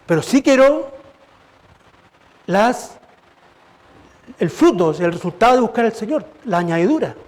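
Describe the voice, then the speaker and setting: A man's voice: high voice, very animated, normal speed, long pauses. A man preaching as pastor, conversational and asking rhetorical questions. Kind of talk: sermon. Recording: church service.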